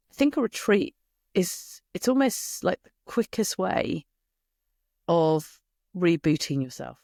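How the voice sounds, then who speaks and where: A woman's voice: fairly low pitch, vocal fry, no room sound, studio quality. A woman hosting a podcast, chatting casually and rambling, often breaking off and restarting her sentences. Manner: chatty, rambling, self-interrupting. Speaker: podcast host. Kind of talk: casual solo podcast outro.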